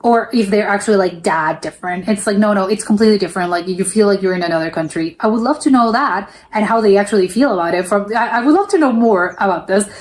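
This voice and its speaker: A woman's voice: medium pitch, fast talker, few pauses. An American woman hosting a reaction video, thinking aloud in casual commentary full of fillers and restarts. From United States.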